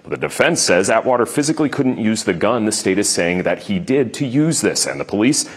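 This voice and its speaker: Deep-voiced American male news reporter. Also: very animated, a little fast, slightly rough. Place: indoor lobby outside a courtroom.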